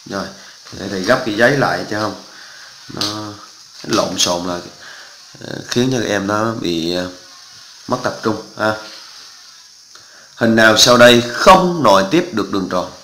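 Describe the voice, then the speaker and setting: A man's voice: lowish voice, expressive, a little slow, pauses often, bright, forceful tone, echoey room, slight background noise, poor audio. A male math teacher, walking through exam answers step by step and often checking that students follow. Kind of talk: exam walkthrough lesson.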